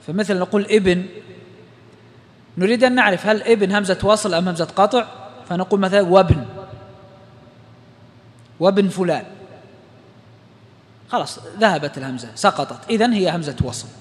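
A man's voice: sits high, long reverb tail. A man teaching a lesson on Quran recitation rules, explaining step by step and quoting verses and poetry. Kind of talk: religious lesson lecture.

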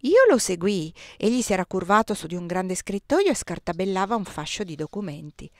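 A woman narrating a novel aloud in an expressive, lively reading. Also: mid-range voice, brisk, no room sound, clean studio sound. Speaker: audiobook reader. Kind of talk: audiobook narration.

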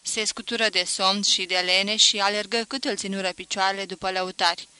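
Bright-voiced woman reading a novel. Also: medium pitch, smooth, no room sound. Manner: measured, expressive storytelling. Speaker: audiobook reader. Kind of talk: literary reading.

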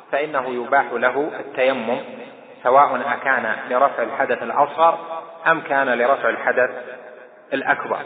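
A man teaching a lesson on a hadith, explaining terms slowly and deliberately with drawn-out pauses. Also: medium pitch. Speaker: Islamic scholar teaching hadith. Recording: tinny, echoey old lecture recording.

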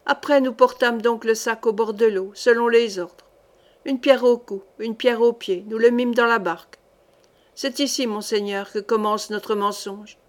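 A woman's voice: on the high side, steady tone, measured pace, natural voice. A woman reading the part of a frightened male henchman who rambles through a dramatic, pleading account to a duke. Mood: fearful pleading.

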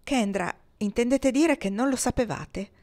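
A woman's voice: mid-range voice, normal speed, lightly acted. Woman narrator doing a big friendly prospector, audiobook, earnest. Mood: astonished. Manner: earnest, incredulous. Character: burly bearded male gold prospector, friendly. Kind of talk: audiobook reading.

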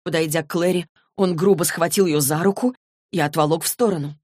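A woman with a fairly low voice reads the narration of an audiobook in a steady, dramatic manner. The recording is dry and close, with no room sound. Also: fairly quick, no echo. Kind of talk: scripted narration.

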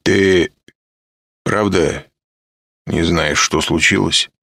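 A man's voice: deep voice, fairly even intonation, extremely slow, gravelly, bright, forceful tone, no room sound, clean studio sound, heavily acted. A man reading an audiobook, voicing a surly teenage street thug who talks bluntly in swearing slang. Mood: gruff.

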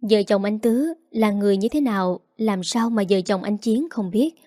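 Casting: woman narrator for a storybook, steady reading, dry close sound. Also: medium pitch, moderate pace, dry recording.

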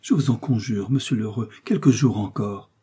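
A man's voice: fairly low pitch, moderate pace, warm tone, slightly rough. A man reading a novel aloud, voicing a desperate young woman who pleads over her debts. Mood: pleading. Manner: pleading, frantic.

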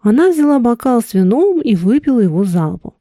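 A woman narrating a literary story in a measured, expressive reading. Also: fairly high pitch, dry recording, studio quality. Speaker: audiobook reader.

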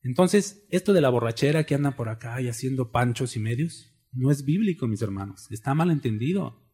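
A man delivers a sermon in a mellow, husky voice. He talks to the congregation conversationally and keeps asking them rhetorical questions. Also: mid-range voice, animated, fairly quick. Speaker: pastor.

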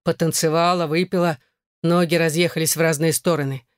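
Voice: mid-range voice, level tone, fairly quick, clear, resonant tone, no echo, clean studio sound, close to an everyday voice. A reader voicing Tigran, a stern husband. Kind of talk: audiobook character voice.

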